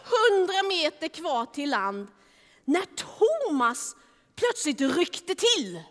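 A woman telling a Bible story to children in a lively, animated way, acting out the scenes. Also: very high-pitched, big-room sound.

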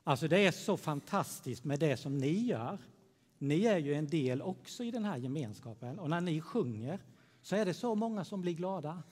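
A man preaching a gentle children's sermon in church, telling a story and speaking warmly to the children. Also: fairly high pitch, expressive. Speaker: pastor. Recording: long church reverb.

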